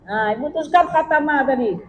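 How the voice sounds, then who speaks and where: A woman's voice: sits high, fairly quick, reverberant, in a large hall, a little hiss or hum, rough recording. A woman teaching Quran recitation rules, chanting verses and patiently correcting common reading mistakes. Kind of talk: tajwid lesson with sung recitation.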